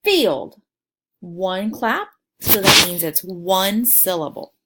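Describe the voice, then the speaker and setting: A woman teacher giving a phonics lesson to young learners, sounding out words slowly and clearly and encouraging them. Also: medium pitch, animated, very noisy.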